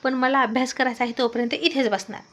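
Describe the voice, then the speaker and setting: A woman's voice: high voice, steady tone, fast. Woman playing a stubborn angry young wife. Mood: defiant. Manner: sharp, curt.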